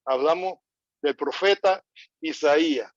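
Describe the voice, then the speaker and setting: Male preacher, Latin American accent, slow sermon delivery, dull dry church recording. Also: fairly high pitch, no echo. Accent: Latin American Spanish. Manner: slow, deliberate, reads scripture aloud and repeats key points.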